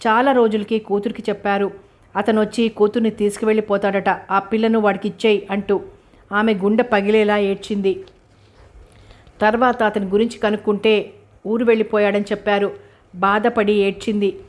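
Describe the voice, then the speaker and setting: Here a woman reads out a novel chapter, handling narration and dialogue alike. There is little rise or fall in her level voice, and she keeps a steady, moderate reading pace.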